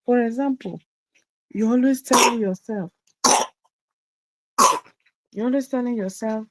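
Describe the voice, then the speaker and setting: Heavy background noise surrounds this woman's slightly high, unhurried voice. She is a visibility coach running a motivational group session, speaking with emphasis and repeating key phrases for stress.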